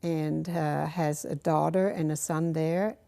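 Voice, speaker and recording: An older woman from Germany, married to an army officer, answering interview questions in a hesitant, halting way with many fillers, recorded on a lapel mic in a dark studio. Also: deep voice, steady tone, gravelly. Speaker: interview guest, officer's wife.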